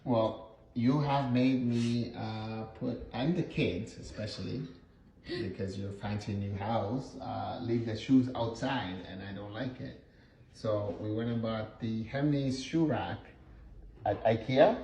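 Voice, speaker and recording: A man's voice: lowish voice, slow, warm tone, reverberant, slight background noise, low-quality recording. A man co-hosting a casual home vlog, hesitant and full of fillers. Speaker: vlog co-host. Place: home indoors.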